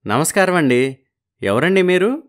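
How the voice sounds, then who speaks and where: Brief: blunt, shrewd middle-aged matchmaker, somewhat high male voice, storybook cartoon. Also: big pitch swings, measured pace. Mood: matter-of-fact. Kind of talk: animated storybook voice acting.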